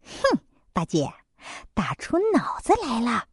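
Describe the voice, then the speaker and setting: A woman's voice: a little high, wildly swooping pitch, slow, slightly rough, dry recording, studio quality, exaggerated voice. A woman voicing a cocky, teasing monkey king in a children's storybook audio, with brash talk. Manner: brash, teasing, calls himself 俺老孙.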